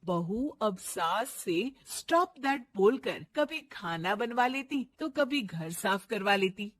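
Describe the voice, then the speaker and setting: A woman narrating a cartoon story in a slow, lowered storytelling tone. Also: animated.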